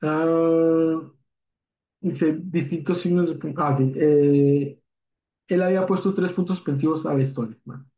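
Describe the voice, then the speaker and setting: Chatty teacher, filler-laden, echoey recording. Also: male voice, fairly high pitch, fairly even intonation, measured pace, dark tone. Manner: informal and chatty, with many "eh" fillers and tag questions. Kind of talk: recorded spelling and punctuation lesson. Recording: dull, echoey classroom audio.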